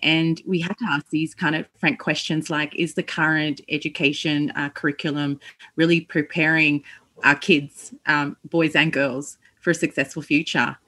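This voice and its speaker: A woman giving a reflective interview answer, earnest and halting as she searches for words. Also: low-pitched, flat delivery, pushed and bright. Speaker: podcast guest.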